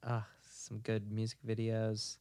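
A young man co-hosting a podcast in casual chat, laughing often and talking in an animated way. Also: lowish voice, unhurried, smooth, no room sound, studio quality. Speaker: podcast co-host.

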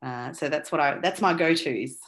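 A woman's voice: low-pitched, normal speed. A woman, an interview guest who talks casually with many fillers and restarts. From Australia. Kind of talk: conversational interview.

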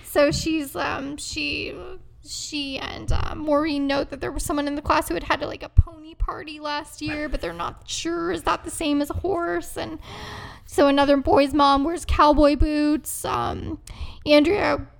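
A woman's voice: high-pitched, little pitch movement, measured pace, gravelly. A woman co-hosting a podcast, casually recapping a TV episode in a chatty way with lots of ums and small laughs. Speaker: podcast co-host.

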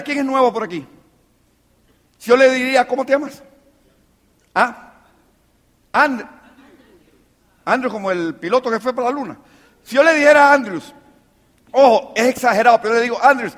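High-voiced man preaching motivation in hall. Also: fairly bright tone. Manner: emphatic, many rhetorical questions. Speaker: business mentor speaking to a team. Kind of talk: motivational seminar talk. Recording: long reverb of a live hall.

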